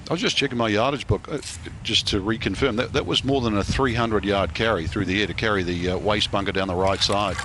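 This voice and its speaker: A man's voice: on the low side, fast, few pauses. A man working as a golf commentator and analyst, giving live commentary on play. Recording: clear outdoor noise behind the voice.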